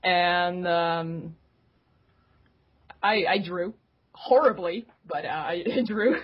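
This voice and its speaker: A woman's voice: lowish voice, drawn-out words, husky. A woman telling stories with giggles, as a guest in a casual group interview. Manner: giggly, animated storytelling. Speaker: guest, community staff member. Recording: dull lo-fi audio.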